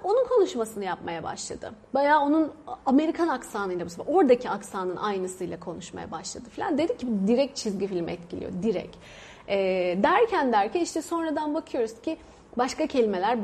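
A woman's voice: on the high side, dark tone, husky. A woman from Turkey in her thirties, a mother talking casually to viewers in a chatty way, with many hesitations and doubled verbs. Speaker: mother sharing her experience.

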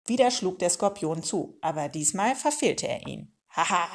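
A woman reading a children's book aloud in a lively, expressive way. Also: on the low side, normal speed. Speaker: storyteller.

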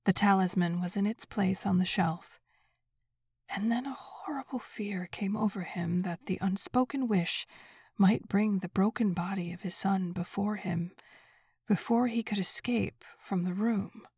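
A woman narrating a story in a soft, breathy whisper, hushed and even. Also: medium pitch, unhurried, no room sound, studio quality.

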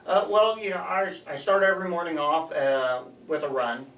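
A man's voice: on the high side, fairly even intonation, a bit bright, lo-fi sound. Earnest young guy answering interview questions, roomy echo, a bit far from the mic, faint hum behind. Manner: earnest, halting, talks in short stretches. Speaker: running coach, guest.

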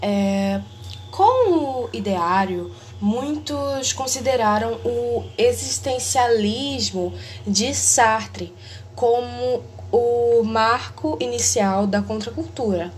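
A woman's voice: fairly high pitch, slow, darkish tone, slight background noise. Woman host with clipping, distorted audio. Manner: reads a prepared explanation with small slips and self-corrections. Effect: clipping, distorted blown-out audio. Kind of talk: educational explainer.

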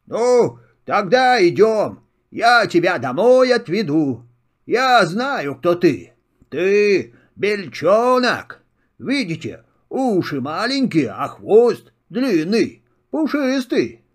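An older man voicing a wise, gruff old lame hare in a grandfatherly manner. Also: sits high, big pitch swings, slow, heavily acted. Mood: knowing.

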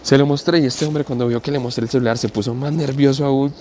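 A man tells a story in a loose, chatty way, full of local slang. He often stops to explain his expressions to listeners from other countries. His voice sits at an average pitch, with faint noise in the background. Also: fairly even intonation, fast, darkish tone. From Colombia. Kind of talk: spoken storytelling.

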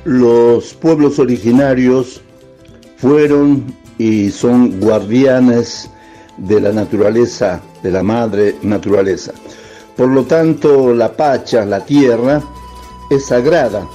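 A man from Bolivia giving a slow, solemn, deliberate recorded statement as a guest. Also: mid-range voice, warm tone, dull audio, faint music behind.

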